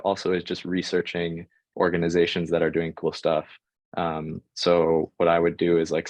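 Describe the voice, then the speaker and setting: A young man from the United States, appearing as a panel guest, offers informal job-search advice in a hesitant manner packed with fillers. His voice is deep, and the audio is dull with no echo.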